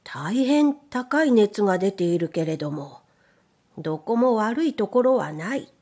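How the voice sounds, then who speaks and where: A woman's voice: mid-range voice, expressive, unhurried, darkish tone. A woman voicing a proud rabbit doctor in a children's storybook, indignant and lecturing. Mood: calm. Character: fussy, proud rabbit doctor, grown male.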